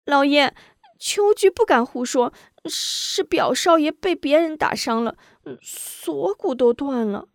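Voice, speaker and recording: Woman voicing a high-pitched young maid, timid, stammering, hurried, storybook style. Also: animated, no echo, clean studio sound, exaggerated voice. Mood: flustered. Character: anxious young maidservant girl, timid and flustered.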